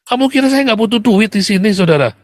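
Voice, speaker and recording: A man delivering an impassioned, combative monologue to his viewers. He keeps calling them brothers and sharply jumps up in pitch whenever he makes a point. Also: animated, fast, no room sound. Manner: emphatic and combative, keeps addressing listeners as brothers.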